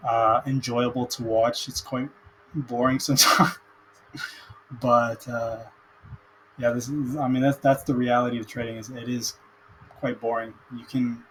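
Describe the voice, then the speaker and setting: A man's voice: mid-range voice, level tone, a little slow, pauses often, background noise. A young man casually talking through his day-trading session, tired and hesitant, with many fillers and restarts, recorded on a webcam. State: mentally tired. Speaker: aspiring day trader vlogger. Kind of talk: casual screen-share commentary.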